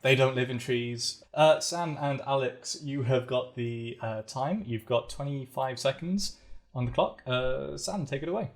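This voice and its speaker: A man's voice: mid-range voice, unhurried. A man hosting an improv comedy podcast, setting up scenes for his guests with an amused, easygoing manner. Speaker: podcast host, improv game leader.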